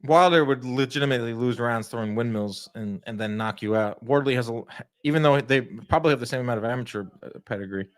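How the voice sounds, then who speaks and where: A man's voice: medium pitch, quick pace, few pauses. A man hosting a live boxing stream, chatting casually and giving his opinions while talking to viewers in the chat. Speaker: boxing livestream host. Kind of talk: casual live fight commentary.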